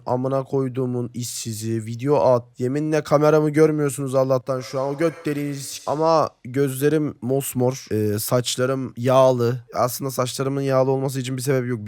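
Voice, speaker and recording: A nineteen-year-old man with a hoarse, sore-throated voice, ranting and joking with heavy swearing while he plays a shooter. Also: mid-range voice, darkish tone. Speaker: gaming YouTuber. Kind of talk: casual gaming commentary.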